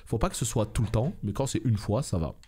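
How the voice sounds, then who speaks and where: A man streaming a video game live, excitable, swearing and laughing often, his voice jumping high when the action gets tense. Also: fast talker, slightly rough. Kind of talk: live gameplay commentary.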